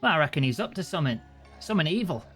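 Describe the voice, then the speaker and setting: A man's voice: on the high side, big pitch swings, very fast, a bit bright, faint music behind, voice pushed up. A man voicing a scheming, servile Cockney minion in a video game, like a hunchback assistant, chummy and conspiratorial. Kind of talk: reading game dialogue in character.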